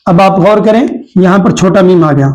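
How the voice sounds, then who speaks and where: High-voiced man teaching Quran recitation. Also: a little mellow, poor audio. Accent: Hyderabadi Urdu. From India. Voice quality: clears throat now and then. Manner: explains slowly, repeats each example, draws out recited words. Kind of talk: tajweed lesson.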